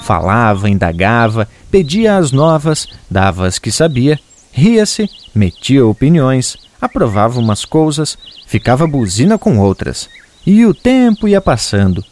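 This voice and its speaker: A man narrating a regional folk tale in an expressive, rhythmic way. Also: mid-range voice, a little slow. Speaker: storyteller.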